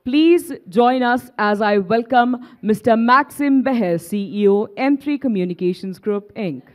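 A woman's voice: fairly high pitch, measured pace. A woman moderating a conference, introducing the speaker in a polite, formal way. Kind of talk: formal event hosting.

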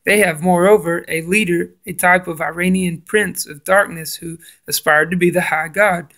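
With a high, gravelly, fairly bright voice that holds a steady tone at a moderate pace, this religious video maker reads from a book and weaves in his own remarks. Tricky names make him stumble and begin again. The sound comes from a phone camera pointed at the page.

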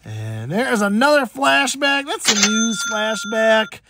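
A man's voice: high voice, very animated, slow pace, very noisy. A man casually talking through a pack opening as channel host, chatty and rambling with lots of fillers. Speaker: card collector and channel host. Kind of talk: casual card-opening commentary.

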